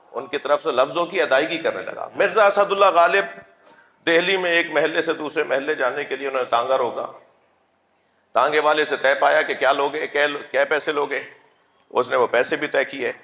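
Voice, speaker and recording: A man preaching a sermon to a seated audience, with slow, drawn-out phrases. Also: fairly high pitch, fairly bright tone. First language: Urdu. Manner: measured, drawn-out phrasing, calls the audience to recite salutations. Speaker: Shia religious scholar giving a majlis lecture. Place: gathering hall with an audience. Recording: echoey hall.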